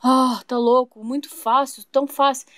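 A woman's voice: sits high, fairly even intonation, moderate pace, a bit bright, no echo, clean studio sound. A woman voicing a playful, boastful child playing charades in a toy-figure soap opera. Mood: teasing. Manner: boastful, teasing.

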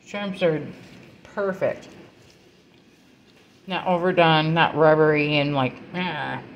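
Woman home-cook vlogger, deep voice, easy and chatty, slight room noise. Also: slow, lo-fi sound. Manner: chatty, relaxed, talks while tasting. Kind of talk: casual cooking vlog. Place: home kitchen.

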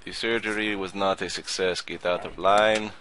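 In a low voice with fairly even intonation, a man plays a game while voicing a grumpy, crude male border inspector who speaks curt, broken English and grumbles gruffly. It's in-character let's play commentary at a moderate pace, in a natural voice over a noisy background.

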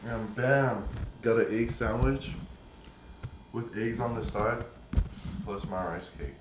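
A man's voice: mid-range voice, slow pace, a little hiss or hum, low-quality recording. A young man talking casually to viewers as a fitness vlogger, in a hyped, slangy gym-bro manner. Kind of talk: casual vlog chat to viewers.

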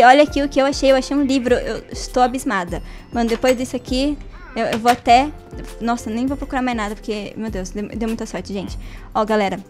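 Brazilian girl gamer, high voice, chatty n playful, little squeals, faint music behind. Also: a little mellow. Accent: Brazilian Portuguese. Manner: chatty, playful, talks to viewers and in-game characters, bursts of high squeals. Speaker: Minecraft let's player. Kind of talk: casual gameplay commentary.

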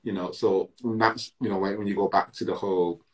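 A man's voice: low voice, fairly even intonation, brisk. A man from Britain with Barbadian roots, speaking in a reflective interview over a video call, with frequent restarts and "you know" fillers. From Britain, Barbadian heritage. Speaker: interview guest, musician. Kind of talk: reflective conversation. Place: indoor room at home.

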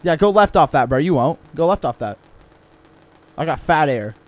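A young man chatting casually while gaming with a friend, excitable and full of frat-bro slang. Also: on the high side, normal speed. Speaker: gamer. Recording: clear background noise, game engine sounds.

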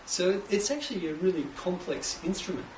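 A middle-aged Australian man with a somewhat high voice explains his craft in a relaxed, enthusiastic way. He is heard from a distance in an echoey workshop, with faint hiss in the background. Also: brisk. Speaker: guest, cajon maker. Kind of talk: casual interview. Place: indoors, home workshop.

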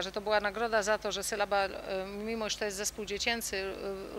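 A middle-aged woman who leads a children's song group answers interview questions in a thoughtful way, pausing often with fillers and restarts. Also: medium pitch, a bit bright, slight background noise.

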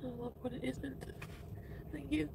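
A woman talking to her livestream viewers while driving, upset and tearful after a morning of crying. Her voice sits a bit high, and she thanks people by name between halting thoughts. The phone recording carries a steady hum of car noise. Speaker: livestream vlogger. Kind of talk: casual livestream chat.

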